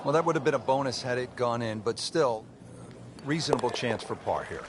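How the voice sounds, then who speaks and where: A man's voice: mid-range voice, fairly quick, noisy background. A man delivering polished play-by-play golf commentary. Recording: music and crowd behind voice. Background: music and crowd ambience.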